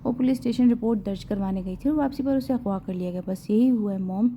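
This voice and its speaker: A woman's voice: on the high side, dark tone, a little hiss or hum. A young woman narrating a romance novel aloud and giving each character a voice in the dialogue. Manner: acts every character in dialogue.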